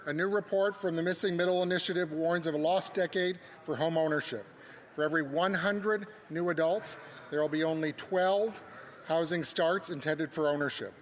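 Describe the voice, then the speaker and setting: A man's voice: fairly high pitch, a bit bright. A man reading out a question as an opposition member of parliament. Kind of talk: parliamentary question, read speech. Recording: long reverberant hall.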